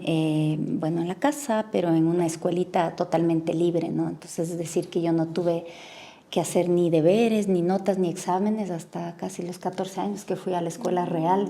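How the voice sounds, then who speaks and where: A woman from Ecuador's Imbabura highlands, answering interview questions in a measured, reflective way with frequent pauses. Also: creaky, mellow. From Ecuador, Imbabura province. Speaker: interview guest.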